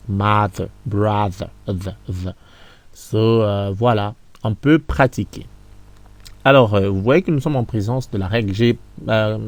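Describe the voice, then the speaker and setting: A man teaching English reading in French, repeating sounds and words slowly for learners to copy. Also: on the low side, darkish tone, no echo. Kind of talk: French-language pronunciation lesson.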